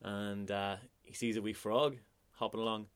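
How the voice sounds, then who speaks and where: A man, a musician, chatting casually in an interview, relaxed and hesitant with many fillers. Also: lowish voice, moderate pace, smooth. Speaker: musician guest.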